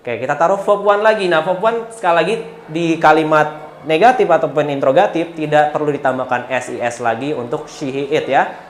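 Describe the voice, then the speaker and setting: A man with an Indonesian accent teaching English grammar, saying example sentences slowly and with expression. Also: fairly high pitch. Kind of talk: grammar lesson explaining to students. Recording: echoey room with faint ambience.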